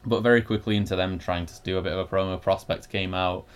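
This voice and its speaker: A man's voice: sits low, fairly even intonation, quick pace, clean tone. A man co-hosting a wrestling podcast, chatting casually, laughing often and swearing freely. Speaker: podcast co-host reviewing wrestling. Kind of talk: casual chat.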